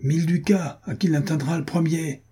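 A man voicing a brutal mercenary captain in an audiobook, talking in a gruff, barking way. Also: mid-range voice, expressive, moderate pace, mellow. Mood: raging.

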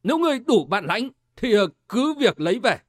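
A man's voice: sits high, sing-song, fairly quick, pitched above the performer's own voice. A man voicing a cruel, scheming male cult leader who taunts his enemies coldly in a martial-arts audiobook. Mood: sneering. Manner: sneering, cold, taunting.

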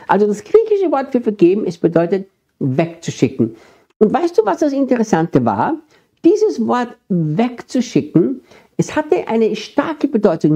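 A man's voice: high voice, warm tone, husky. A middle-aged man with an Austrian accent preaching a sermon, earnestly addressing his congregation. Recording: dull lo-fi sermon recording.

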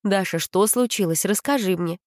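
A woman voicing a caring mother of a schoolgirl, gentle and soothing, in a storybook reading. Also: mid-range voice, moderate pace, no echo, clean studio sound, natural voice. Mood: anxious.

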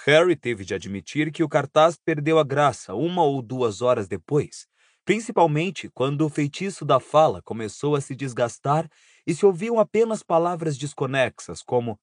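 A man narrating an audiobook in a steady, even storytelling voice. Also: on the high side, no echo, clean studio sound. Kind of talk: scripted narration.

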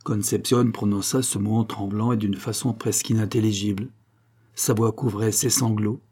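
A man reads a novel aloud as an audiobook narrator, keeping a steady, even delivery. His voice has a dark, mellow color with a husky grain, at a middle pitch. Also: normal speed.

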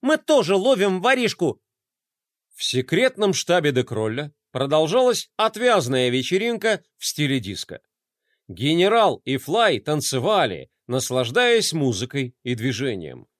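Lively male storyteller, dry studio sound. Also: medium pitch, measured pace, no room sound. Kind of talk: children's audiobook narration.

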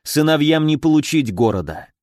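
A man reading an audiobook in an even storytelling manner. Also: fairly high pitch, normal speed, dry recording, clean studio sound. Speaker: audiobook narrator. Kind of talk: scripted audiobook narration.

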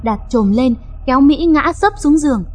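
A woman narrating a dramatic audio story in an expressive, measured reading. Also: high-pitched.

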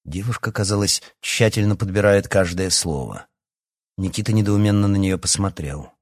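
Low husky male audiobook narrator. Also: normal speed, darkish tone, no room sound, studio quality. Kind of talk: scripted narration.

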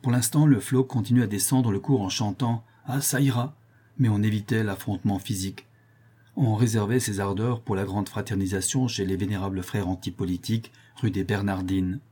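A man reading a historical chronicle aloud in a measured, steady storytelling manner. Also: on the low side, breathy edge. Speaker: audiobook narrator. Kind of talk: scripted narration.

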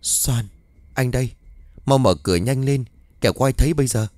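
A man voicing a middle-aged man who soothes and reassures in a low, hushed voice. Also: moderate pace, no echo, lightly acted. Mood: urgent.

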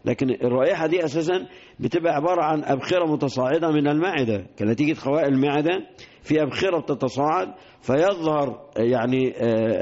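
Fast-talking Egyptian sheikh teaching. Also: male voice, mid-range voice, darkish tone, lo-fi sound. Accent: Egyptian Arabic. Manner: explanatory, repeats key phrases, colloquial asides between classical quotes. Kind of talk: religious lesson explaining a hadith collection.

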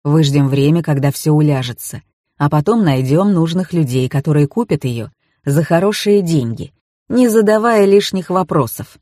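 A woman reading an audiobook, voicing a rude, scheming young man who talks gruffly and dismissively. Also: sits low, normal speed, warm tone, no echo, studio quality.

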